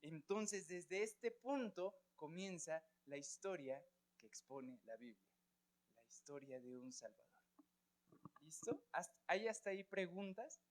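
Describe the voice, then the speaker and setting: High-voiced Colombian man teaching Bible class. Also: expressive, a little slow. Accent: Colombian Spanish. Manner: asks students questions, checks with "¿sí?" and "¿listo?".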